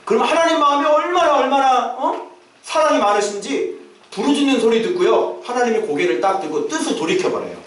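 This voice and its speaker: Preaching to his flock, this male pastor's sermon is brisk and expressive, punctuated at times by acted-out, shouted calls. His pitch is high and ranges widely. A distant mic picks him up across a heavily reverberant church sanctuary.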